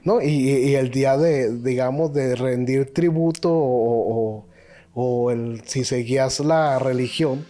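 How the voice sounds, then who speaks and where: A man's voice: medium pitch, slow, dark tone. A man on a podcast, chatting casually and retelling old stories, often stopping to restart his words. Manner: hesitant, many restarts and filler words. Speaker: podcast co-host.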